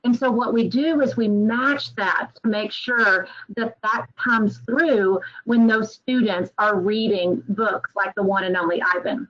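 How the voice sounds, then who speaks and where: A woman's voice: medium pitch, unhurried, hardly any pauses, a bit bright. A woman who is an education executive, giving an earnest, emphatic presentation to volunteers. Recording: dull lo-fi recording.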